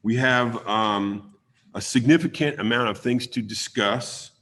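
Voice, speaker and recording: A man with a raspy voice from a cold, hosting a community town hall and leading a prayer, speaking haltingly with many ums. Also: mid-range voice, fairly bright tone, slight background noise.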